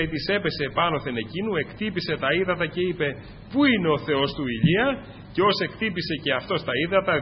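A man's voice: fairly high pitch, slight background noise. Fervent preacher man in a hall. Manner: fervent, rising to cries on key phrases. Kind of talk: sermon. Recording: dull lo-fi recording in a large reverberant hall.

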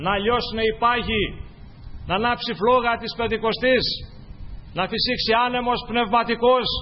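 A man preaching a sermon to his congregation, climbing to loud, fervent peaks and then dropping low and quiet. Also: fairly even intonation. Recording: dull lo-fi recording with faint hiss.

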